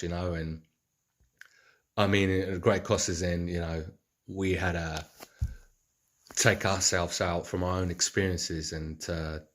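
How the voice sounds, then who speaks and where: A man's voice: sits low, a bit bright. A man speaking in an earnest, rambling reflective monologue, with many fillers and restarts. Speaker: vlogger.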